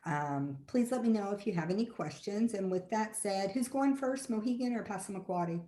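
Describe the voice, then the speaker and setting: A woman's voice: mid-range voice, expressive, normal speed, warm tone. A woman presenting data informally on a webinar as a staff moderator. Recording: echoey room sound.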